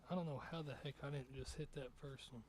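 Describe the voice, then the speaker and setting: A man's voice: mid-range voice, fairly even intonation, fairly quick, darkish tone, a little hiss or hum. A young man streaming a hunting game, giving casual, rambling commentary as he thinks aloud over his shots.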